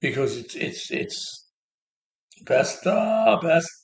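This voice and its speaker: A man's voice: a little high, very animated, drawn-out words, creaky. A man delivering a heated, sarcastic political rant as a commentator. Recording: echoey room.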